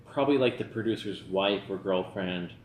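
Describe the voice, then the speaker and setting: A man's voice: low voice, moderate pace. A tipsy man co-hosting a casual movie review, talking in a loose, rambling way. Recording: roomy echo with background noise.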